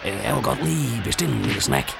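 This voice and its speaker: A muscle-bound cartoon guest brags and orders heaps of food in a gravelly voice. The tone is boastful and greedy. A hiss runs under the old dub. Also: male voice, mid-range voice, expressive. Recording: hissy old dub track.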